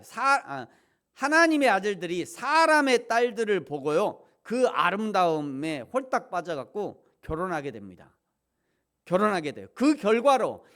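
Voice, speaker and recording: Animated Korean pastor, lively pitch. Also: male voice. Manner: animated preaching, swings from hushed asides to loud emphatic peaks; acts out quoted voices in a playful storytelling way. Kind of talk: sermon.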